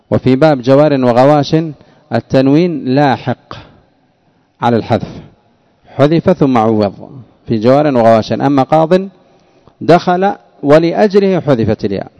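A man teaching a grammar lesson, speaking slowly and deliberately, repeating key points and asking his listeners rhetorical questions. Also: mid-range voice, warm tone, dull audio.

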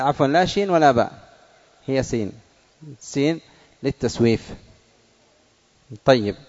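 A man's voice: on the high side, a little mellow, long reverb tail, lo-fi sound. A male teacher giving a classroom grammar lesson, quizzing pupils and repeating their answers.

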